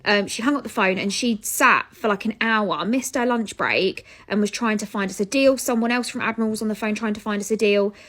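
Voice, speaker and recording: A young woman with a British accent tells a story straight to camera in a loose, chatty way. She sounds exasperated and swears casually as she goes. Her pitch sits in the middle range for a woman. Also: brisk, hardly any pauses, fairly bright tone. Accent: British English. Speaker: vlogger.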